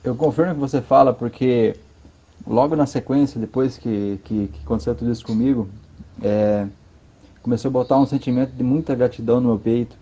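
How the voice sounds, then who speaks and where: A man with a Brazilian Portuguese accent giving an earnest personal testimony from his living room, halting and repeating words for emphasis. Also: mid-range voice, dark tone, breathy edge. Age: adult, father of a five-year-old. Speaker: interview guest.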